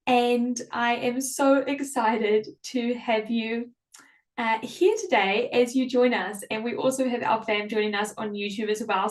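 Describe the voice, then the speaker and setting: A woman hosting a live online classroom in an enthusiastic, welcoming, upbeat presenting style. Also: fairly high pitch. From Samoa or New Zealand. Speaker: host.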